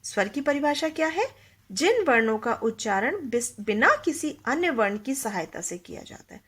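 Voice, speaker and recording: A woman's voice: on the high side, very animated, moderate pace, a bit bright, slightly rough. A woman teaching a Hindi grammar lesson to young children, explaining patiently, asking the class questions and mixing English words into her Hindi.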